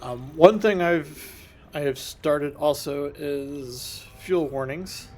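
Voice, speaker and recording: A man streaming a space game, thinking out loud in a casual, rambling way and correcting himself as he goes. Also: a little high, takes it slowly, faint music behind. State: has the hiccups. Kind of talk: casual gameplay commentary.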